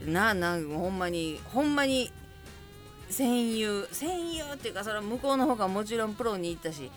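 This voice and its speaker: A woman's voice: mid-range voice, big pitch swings, moderate pace, faint music behind. A woman with a Kansai accent, chatting alone as podcast host and telling a story with laughs along the way. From Kansai region of Japan. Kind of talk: casual solo monologue.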